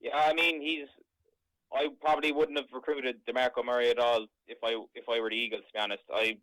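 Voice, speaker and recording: A man's voice: medium pitch, level tone, brisk, a bit bright, no room sound, poor audio. A man with a Cork accent chatting casually about sport as a podcast co-host, explaining in a rambling, conversational way. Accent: Cork, Irish.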